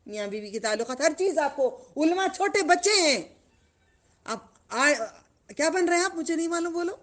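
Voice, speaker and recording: A woman's voice: very high-pitched, expressive, a bit bright. A woman giving a religious lesson to children, questioning the class and drawing out repeated phrases. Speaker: religious teacher.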